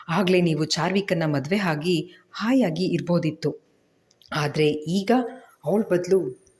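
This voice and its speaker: A woman's voice: on the low side, a little mellow, close to an everyday voice. Woman reading as a tearful young wife. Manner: tearful, pleading. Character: young pregnant wife, anxious and devoted.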